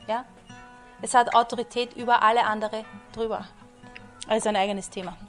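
Woman preacher giving a chatty sermon, kinda high voice, always asking "you know?". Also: fairly even intonation, moderate pace, fairly bright tone, soft background music. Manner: chatty, asks listeners rhetorical questions, often says "you know". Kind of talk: conversational sermon.

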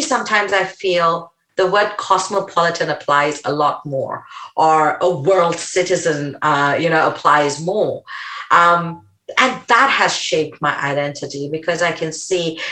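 A woman guest in a conversational interview, speaking English with a mixed Indian, American and Australian accent, animated, laughing often and restarting sentences. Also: on the low side, echoey room, poor audio.

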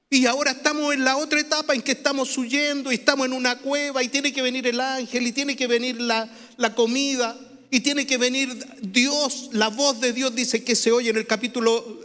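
A man preaching to a congregation in a high voice. He calls on the listeners to repeat key phrases after him. The sound rings with the long echo of a large church hall. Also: fairly bright tone. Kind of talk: sermon. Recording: reverberant hall.

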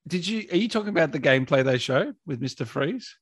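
A man's voice: fairly high pitch, expressive, fast, husky, dry recording, clean studio sound. A man co-hosting a gaming podcast in casual chat, argumentative and teasing. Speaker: podcast co-host.

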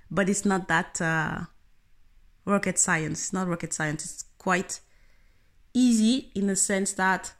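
Earnest woman giving a motivational talk. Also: mid-range voice. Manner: earnest, animated, speaks directly to the listener. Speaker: tennis coach.

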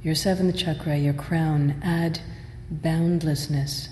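A woman with a mellow voice leads a guided meditation. She gives measured, soothing instructions and leaves long pauses. The recording has a long hall reverb with faint noise behind it. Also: sits low, fairly even intonation. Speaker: meditation and yoga teacher.

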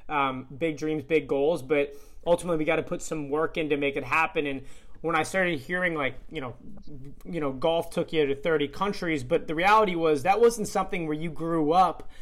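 A man's voice: a little high, a little fast, fairly bright tone. A man hosting a podcast in a casual interview, earnest and rambling with many fillers. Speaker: podcast host.

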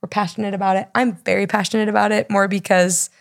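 Chatty woman with a gravelly edge. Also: medium pitch, level tone, fast. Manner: warm, rambling, chatty with laughs. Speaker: podcast co-host and pastor. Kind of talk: casual chat.

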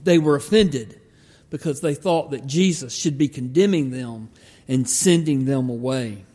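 A male pastor with a Southern Georgia drawl preaches a sermon in a halting, deliberate manner with frequent pauses. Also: mid-range voice, mellow. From Georgia, United States. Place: large church hall, preaching to a congregation. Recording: reverberant church hall.

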